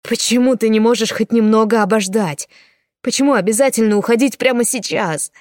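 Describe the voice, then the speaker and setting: A woman's voice: a little high, fairly quick, a little mellow, dry recording, pitched above the performer's own voice, natural voice. A woman voicing a distraught young man who pleads and sobs, in a dry close recording. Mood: pleading. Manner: pleading, tearful, insistent.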